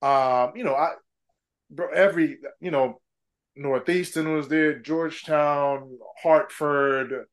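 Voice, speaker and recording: A middle-aged man from Trinidad, once a professional basketball player, chats casually as an interview guest. His voice is a little high, steady in tone, and slow, and he laughs often while dropping "man" and "bro" into his speech.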